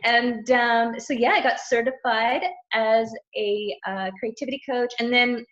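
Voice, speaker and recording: A woman's voice: fairly high pitch, steady tone, unhurried, fairly bright tone. A middle-aged woman, a guest coach, chatting casually in an interview, rambling and laughing often. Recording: roomy, dull lo-fi sound.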